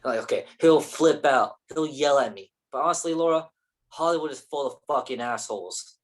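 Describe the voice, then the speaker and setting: In a staged play reading, a woman with a bass voice speaks at normal speed as a defensive, ambitious male film actor. She plays him casually defiant, with a laid-back, profane manner.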